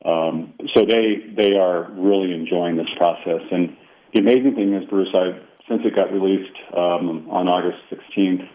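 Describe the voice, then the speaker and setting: Heard over a tinny phone line, a middle-aged Colorado author who grew up speaking Italian talks reflectively as a radio interview guest, with many fillers and restarts. His voice sits low and keeps a steady tone at a moderate pace.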